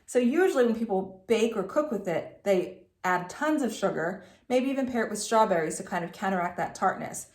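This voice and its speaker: A woman's voice: medium pitch, animated, fairly quick, darkish tone, reverberant. A woman teacher reading a storybook aloud to students, telling it expressively and adding chatty asides.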